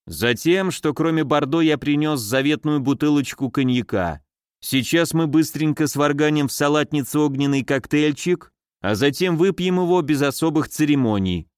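A man's voice: on the high side, normal speed, smooth, no echo, clean studio sound, close to an everyday voice. A man voicing a sly, mischievous male footman in an audiobook. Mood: sly, teasing. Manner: sly, teasing.

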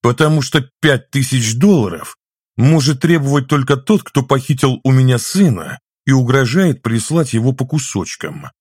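A man voicing a grumpy, sarcastic old shopkeeper in an audiobook, grumbling his lines in a higher, louder voice. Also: lively intonation, normal speed, breathy edge, no echo, studio quality. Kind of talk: audiobook reading.

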